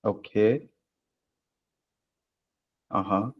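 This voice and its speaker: A man's voice: lowish voice, very slow, husky. A man hosting a webinar over a video call, speaking casually with many hesitant fillers. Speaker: webinar host. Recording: muffled video-call audio.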